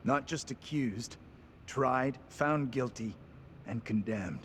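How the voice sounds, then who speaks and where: A man's voice: medium pitch, slow pace, close to an everyday voice. Horror game role: actor as earnest, careful man, mid register, slight atmospheric noise. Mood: dramatic, grave. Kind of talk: video game voice acting.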